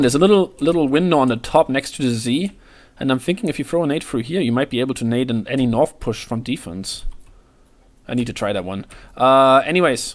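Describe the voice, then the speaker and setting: A man casting a live online shooter match, talking quickly and jumping up in pitch and volume at big plays. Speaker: esports caster. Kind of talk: live play-by-play commentary.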